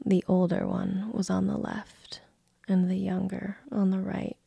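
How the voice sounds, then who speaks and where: Woman storyteller, ASMR fairy tale in a soft whisper, husky and gravelly, close and dry. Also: mid-range voice, completely flat delivery, measured pace, dry recording. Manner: soft unvoiced whisper throughout.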